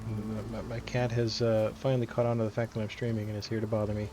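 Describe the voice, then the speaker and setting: An easygoing man streams a video game and chats with friends. He laughs often and thinks aloud as he plays. Game music sits clearly behind his voice. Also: fairly low pitch, little pitch movement, quick pace. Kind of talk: casual gaming chat.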